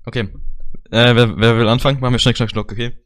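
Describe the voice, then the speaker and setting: A young man hosting a casual podcast from an online call, his mid-range voice strained after a night of shouting. He jokes, throws in slang and laughs often. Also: medium pitch, level tone, fast talker, dry recording. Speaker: podcast host.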